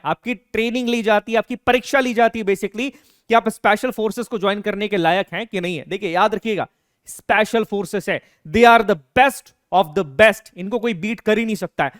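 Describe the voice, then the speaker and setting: Male teacher, high voice, earnest and emphatic lecturing tone, dry close recording. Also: fairly quick, dry recording. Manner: earnest, emphatic, addresses students directly. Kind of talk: educational lecture.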